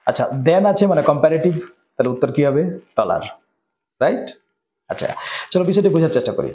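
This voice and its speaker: High-voiced man teaching grammar. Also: expressive, a little mellow, a little hiss or hum. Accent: Bengali. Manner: asks "right?" often, reads example sentences slowly. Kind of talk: explanatory lesson.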